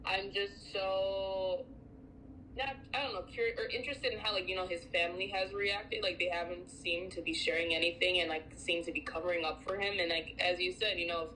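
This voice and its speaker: A woman from the United States co-hosting a casual podcast, talking in an animated, filler-heavy way. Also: lowish voice, brisk, slight background noise, low-quality recording. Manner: animated, chatty, many fillers. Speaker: podcast co-host. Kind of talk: casual chat.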